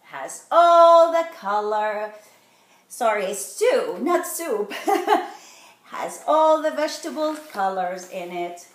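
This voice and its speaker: In a roomy home recording from her living room, a middle-aged woman does an animated read-aloud of a children's picture book, stretching out rhyming words expressively. Her mid-range voice is very animated, and she reads slowly.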